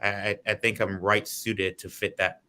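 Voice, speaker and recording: A man's voice: on the low side, level tone, normal speed, sharp tone. A man from Guyana, a political candidate, giving earnest, lengthy answers in an interview over a video call.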